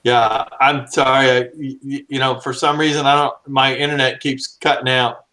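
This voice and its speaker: A man's voice: medium pitch, little pitch movement, moderate pace, pushed and bright, recorded from a distance, rough recording. A man speaking as a guest over a video call, his audio breaking up and stuttering as his internet connection cuts out. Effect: internet connection cutting out, stuttering audio.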